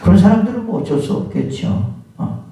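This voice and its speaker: With a high, creaky, dark voice and big pitch swings, the pastor preaches a little fast, throwing rhetorical questions at the congregation and mimicking scolding voices in his examples. A far-off mic picks him up in a very echoey church hall.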